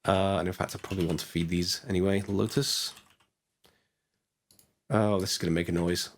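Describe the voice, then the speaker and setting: A man with a hoarse voice, chatting casually as he narrates his gameplay, thinking aloud with lots of fillers. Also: sits low, little pitch movement, moderate pace, slight background noise. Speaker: gaming channel host. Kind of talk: casual let's-play commentary.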